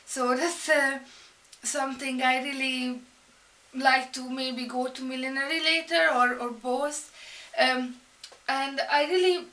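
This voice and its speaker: Hungarian woman in her 30s talking about herself, high voice, lots of ums, echoey room. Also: steady tone, pushed and bright, distant mic. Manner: halting, many ums and restarts. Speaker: art and fashion student. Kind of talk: personal introduction video.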